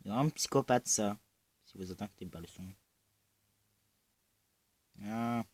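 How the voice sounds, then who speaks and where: A man with a southern French accent giving casual, excitable gaming commentary, often breaking into loud exclamations and swearing. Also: on the low side, slow pace, dry recording. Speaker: gamer.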